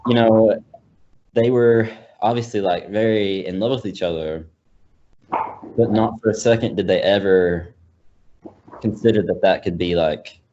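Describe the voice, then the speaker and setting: A man's voice: on the low side, unhurried, pauses often, warm tone, lo-fi sound, a little hiss or hum. A young man in casual film discussion, talking hesitantly with many fillers and restarts. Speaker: college student panelist.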